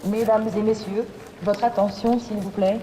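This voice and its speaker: A woman making a formal boarding announcement over a public address loudspeaker. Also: medium pitch, flat delivery, normal speed, very noisy. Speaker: announcer at a staged protest ceremony. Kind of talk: mock airport boarding announcement.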